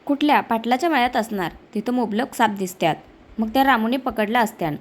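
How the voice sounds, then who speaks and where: A woman's voice: a little high, quick pace. Woman narrating a rustic story. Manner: voices the characters' village dialogue with her narration.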